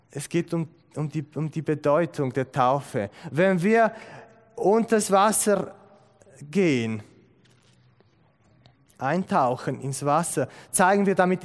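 A man preaching a sermon, earnest and direct, often asking the congregation questions and building to emphatic high points.

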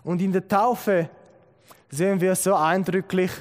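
A man preaching a sermon, earnest and direct, often asking the congregation questions and building to emphatic high points. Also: fairly even intonation, a little slow.

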